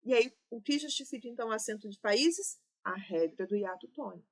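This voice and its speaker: A woman's voice: on the high side, animated, fairly quick. Brazilian woman teaching grammar for exams. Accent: Brazilian Portuguese. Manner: explanatory, checks understanding with "ok?" and "né?". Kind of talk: exam-prep grammar lesson.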